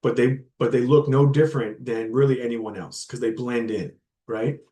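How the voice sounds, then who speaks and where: This man's mellow, mid-range voice moves at a moderate pace as he delivers a casual guest lecture to university students. His talk is conversational, with frequent fillers and repetition, and he breaks off to explain terms simply.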